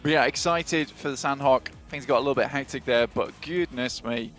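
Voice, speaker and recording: A man's voice: medium pitch, normal speed, fairly bright tone, soft background music. A man casting an esports match, running through standings and points. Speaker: caster. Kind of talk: esports commentary.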